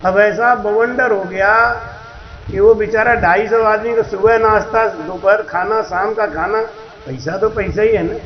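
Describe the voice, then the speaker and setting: A man, a spiritual teacher, giving a storytelling sermon, acting out dialogue and chanting verses. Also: high voice. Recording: echoey, dull lo-fi hall recording.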